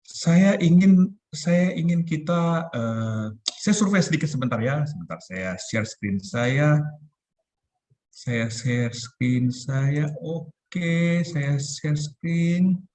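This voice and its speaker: A man in his forties giving a relaxed, chatty youth talk over a video call, laughing often. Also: on the high side, drawn-out words. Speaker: youth ministry speaker.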